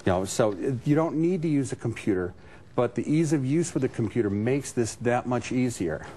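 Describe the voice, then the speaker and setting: On a TV home shopping show, a male presenter explains a product step by step in loose, conversational talk, frequently saying "you know." His medium-pitched, mellow voice is expressive at normal speed, with noticeable background noise.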